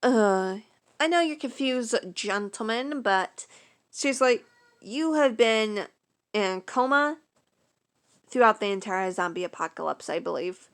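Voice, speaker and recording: Woman reading her fan story out loud, slow and a bit high, lots of ums. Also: lively intonation. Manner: unpolished, with fillers and throat clearing. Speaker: story narrator. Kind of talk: first-person fan story narration.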